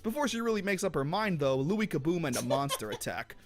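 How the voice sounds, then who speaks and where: Young male host, recap narrator: higher-pitched, lively delivery, dry sarcastic asides. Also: brisk, over music. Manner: wry, sarcastic commentary.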